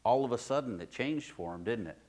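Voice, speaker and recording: A man preaching a sermon in his church in a conversational way, swinging between loud emphasis and quiet asides. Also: mid-range voice, lively intonation, a little fast. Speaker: pastor.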